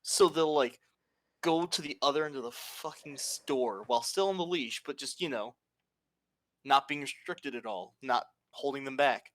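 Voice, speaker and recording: A man telling stories in casual podcast chat, animated and profane. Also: mid-range voice, moderate pace, no echo. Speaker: podcast co-host.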